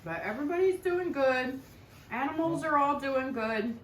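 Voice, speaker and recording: A woman's voice: high voice, lively intonation, normal speed, distant mic. A middle-aged woman talks in an easy, chatty way over a dinner table. She sits back from the mic in an echoey room, with a faint hiss and dishes and cutlery clinking behind her. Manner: chatty, conversational. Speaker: homestead channel co-host. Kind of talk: casual chat over dinner. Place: home dining room.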